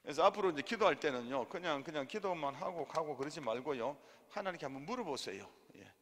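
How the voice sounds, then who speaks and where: A male pastor teaching theology in a church, animated and leading the congregation in repeat-after-me lines and amens. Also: on the high side, fast talker. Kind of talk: sermon-style theology class. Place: church hall. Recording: hall reverb.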